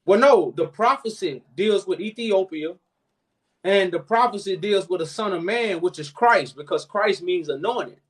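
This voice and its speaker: A man's voice: sits high, expressive, moderate pace, slightly rough. A man hosting a live chat, preaching and explaining at length, calling the listener "brother man". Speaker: host.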